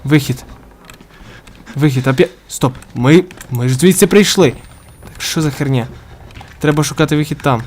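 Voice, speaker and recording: A man's voice: on the high side, moderate pace, long pauses. A man commentating a horror game as he plays, jumpy and swearing constantly, yelping when startled. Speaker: gamer playing a horror game. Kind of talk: let's play commentary.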